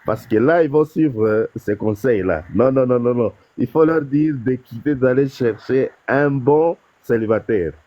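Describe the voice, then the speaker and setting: A man, from North Kivu, calling into a live stream and giving advice in a halting way, full of restarts and fillers. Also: medium pitch, no room sound, lo-fi sound. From DR Congo, North Kivu. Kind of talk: casual call-in advice. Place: call from abroad.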